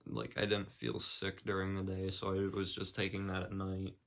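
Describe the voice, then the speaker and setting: A man's voice: low-pitched, completely flat delivery, moderate pace, creaky, a bit bright. A young man talking casually in an unscripted vlog, hesitant and matter-of-fact as he shares his experience. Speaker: vlogger sharing personal recovery experience.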